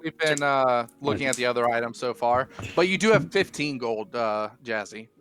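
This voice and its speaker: A man's voice: mid-range voice, normal speed, music in the background. A man playing a tabletop game, chatting casually and pleading in character. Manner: lively, in-character persuasive. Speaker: player.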